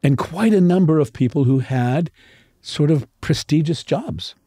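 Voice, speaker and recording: A man with a mellow, somewhat raspy voice chats as a guest dialect coach. He explains in a halting, thoughtful way, and the sound is very dry. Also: a little high, lively intonation, no echo. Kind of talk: casual explanatory chat.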